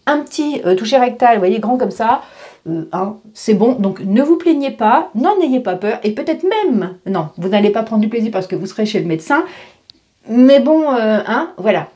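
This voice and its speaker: A woman's voice: fairly high pitch, big pitch swings, normal speed, warm tone. A woman in her fifties explaining in a casual vlog, chatty, with many fillers and restarts. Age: 50s. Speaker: vlogger.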